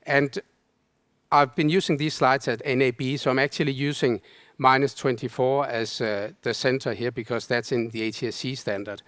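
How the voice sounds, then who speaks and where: A man presenting a technical lecture, explaining in a measured way. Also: mid-range voice, steady tone, fairly bright tone, no echo. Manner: explanatory, measured, casual fillers. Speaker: conference presenter.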